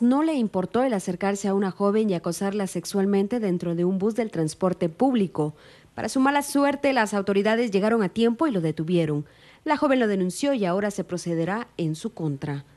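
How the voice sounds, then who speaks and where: A woman's voice: medium pitch, lively intonation, mellow. A woman news anchor reading a scripted report. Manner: measured newsreader delivery.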